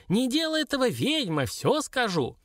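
A man reading an audiobook, voicing a sly, whiny little dwarf with a piercing, squeaky screech. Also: huge pitch swings, normal speed, dry recording, studio quality, full character voice. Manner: wailing, pleading and cursing by turns. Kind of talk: audiobook character voice.

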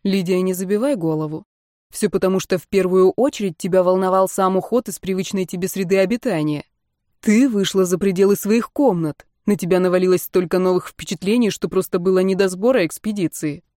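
A woman voicing a calm, soothing male doctor. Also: medium pitch, brisk, no room sound, studio quality, lightly acted. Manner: soothing, reassuring. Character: calm caring male doctor, protective older brother.

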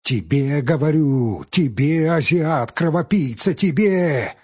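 Man doing a frantic, cursing peasant, shrill and strained, husky, dull recording with faint music. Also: sing-song, slow, heavily acted. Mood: raging despair. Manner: shouting, cursing, high strained voice. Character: desperate ragged peasant man, furious and despairing.

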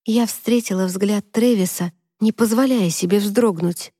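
A woman reading a first-person story aloud in steady, measured scripted narration on a close mic. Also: medium pitch, no echo. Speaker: audiobook narrator.

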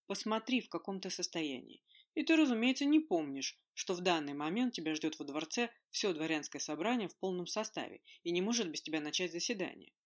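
A reader playing an exasperated adult king in a spoken fantasy story, commanding and scolding, his voice firm and carrying. He talks in short sharp orders. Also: sits high. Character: stern irritated adult male king.

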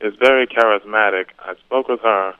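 A man's voice: fairly low pitch, normal speed, clean tone, no room sound. A man calling in to a radio show, asking an earnest question in a hesitant way full of fillers, over a crackly cordless phone line that fades in and out. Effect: crackly cordless phone line fading in and out. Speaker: caller. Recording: tinny, dry phone line.

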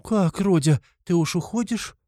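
A man voicing a frightened older mother in an audiobook, crying out in high, pleading tones. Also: a little slow, dark tone, no echo, studio quality. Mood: alarmed. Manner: high, shrill, pleading cries.

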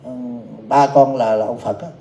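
A man's voice: mid-range voice, steady tone, normal speed, mellow, natural voice. A man voicing a timid, polite young boy novice monk, told inside a sermon in a roomy space. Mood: meek. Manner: meek, polite replies.

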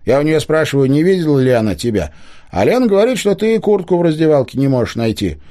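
A man voicing a plucky schoolboy in an audiobook, telling his story in a chatty, animated way. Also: on the high side, fast, pitched above the performer's own voice. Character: eager schoolboy, friendly and plucky. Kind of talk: audiobook character voice.

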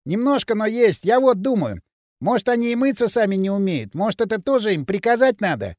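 A man playing cocky young lout, jeering, bossy, high lively voice, audiobook. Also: fairly quick, no room sound, clean studio sound. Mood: swaggering. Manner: swaggering, jeering, loose street talk.

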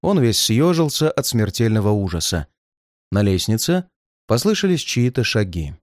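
A man narrating a detective story as an expressive audiobook reading. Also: lowish voice, moderate pace, no echo, clean studio sound.

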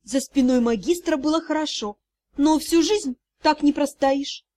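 A woman reading a first-person fantasy audiobook in a lively, expressive narration. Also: sits high, unhurried.

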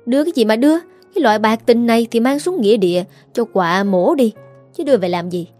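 A woman voicing a sharp-tongued village gossip who talks in a scornful, mocking way. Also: a little high, lively intonation, fast talker, soft background music, close to an everyday voice.

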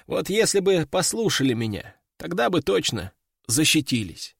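A man's voice: a little high, big pitch swings, moderate pace, gravelly, slightly rough, dry recording, studio quality. A man narrating an audiobook in the first person, with a wry, ironic storytelling manner.

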